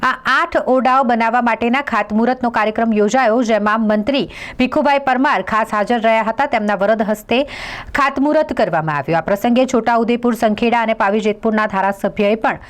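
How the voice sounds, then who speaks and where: Woman news reporter, scripted voice-over, fairly high pitch, steady. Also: a little fast. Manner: steady, formal reading.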